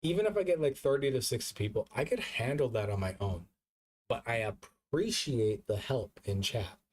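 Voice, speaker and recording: A man on a live stream who has had a few drinks, talking loosely and circling back over his own words. His voice sits at an ordinary middle pitch. A faint hum of noise runs under him. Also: expressive, normal speed, darkish tone. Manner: loose, rambling, repeats himself. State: drunk. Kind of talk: casual live-stream chat.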